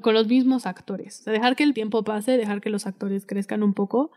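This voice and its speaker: A woman's voice: mid-range voice, steady tone, brisk, darkish tone. A woman co-hosting a podcast in casual film discussion, speaking earnestly and with feeling. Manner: earnest and emotive, quotes dialogue expressively. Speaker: podcast co-host.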